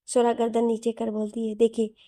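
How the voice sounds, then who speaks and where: A woman storyteller narrating a romance story in a steady, plain way. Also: fairly high pitch, normal speed, no echo, clean studio sound.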